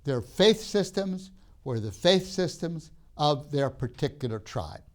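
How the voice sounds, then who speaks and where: An older male lecturer from Tanzania teaches a recorded seminary class. His voice sits a little high for a man, and he talks in slow, measured phrases, leaning on key words and pausing with "uh"s and restarts. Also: big pitch swings. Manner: measured, emphatic pauses with fillers and restarts.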